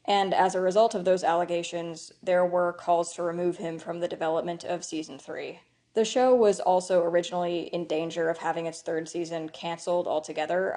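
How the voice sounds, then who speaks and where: A woman's voice: on the low side, mellow. A young woman narrating a scripted video essay with informal asides, her morning voice a little off from usual, recorded in a slightly reverberant room. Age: young adult. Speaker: video essayist, channel host. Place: indoors, a room with some reverberation.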